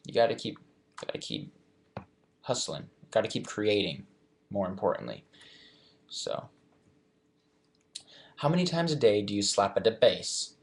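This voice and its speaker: A man's voice: fairly low pitch, very animated, measured pace, creaky, pauses often, a little hiss or hum. A young man in his twenties answering fan questions in a casual live chat, reading each question aloud and then thinking it through.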